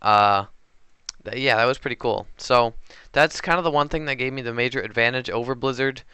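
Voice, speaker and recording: A man with a medium-pitched, sharp voice talks fairly quickly in casual commentary over recorded gameplay, captured in a smooth, dry recording. He sounds hesitant and unsure, filling pauses and correcting his own words often.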